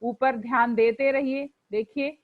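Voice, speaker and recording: A woman's voice: on the high side, steady tone, unhurried, phone-quality sound. A woman teacher explaining a textbook lesson to pupils, patiently going over each exercise and reciting word forms for them to repeat.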